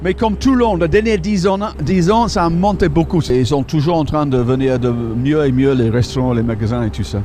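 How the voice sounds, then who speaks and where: On an outdoor city street, a man guides a walking tour in a dark, slightly high voice, with a little hiss or hum on the recording. He is a local guide explaining sights, halting as he searches for French words and using many fillers.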